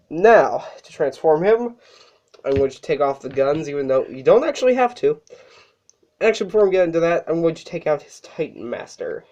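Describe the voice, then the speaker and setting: A slightly mellow, mid-range voice belongs to a toy reviewer casually going over a hands-on review while sick and a little out of breath. Fillers and self-corrections pepper the talk, and the audio is dull and lo-fi.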